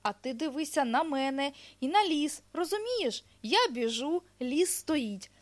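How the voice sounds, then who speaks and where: A woman's voice: high voice, expressive, unhurried, voice pushed up. A woman voicing a small earnest hedgehog in a storybook, insistently explaining.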